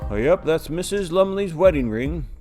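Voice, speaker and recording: A man's voice: fairly high pitch, animated, normal speed, over music, voice pushed up, natural voice. A man voicing a cryptic, matter-of-fact male bartender who talks in a knowing, insistent way.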